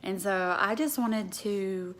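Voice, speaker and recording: A woman's voice: mid-range voice, slow. A woman talking casually and earnestly to her viewers on a live stream, confiding her thoughts and reading a heartfelt prayer aloud. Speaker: faith vlogger. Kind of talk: casual devotional talk to viewers.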